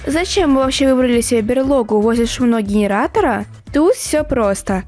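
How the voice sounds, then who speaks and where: A woman's voice: on the high side, animated, fairly quick, darkish tone. A woman reading a scripted travel vlog voice-over in a playful, storybook-like way. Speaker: travel vlogger. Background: faint music.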